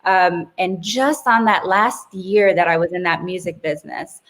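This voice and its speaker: A woman's voice: fairly low pitch, unhurried, fairly bright tone. A Brazilian-born woman in her thirties who grew up in South Florida, a guest in an interview, telling her story chattily with frequent restarts and easy laughter. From Brazil, raised in South Florida. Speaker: guest expert.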